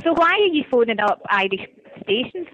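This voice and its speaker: A woman's voice: on the high side, very animated, normal speed, fairly bright tone. A young woman with a Glaswegian accent, chatting casually on a dull phone line. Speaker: work experience student at a radio station. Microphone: phone call.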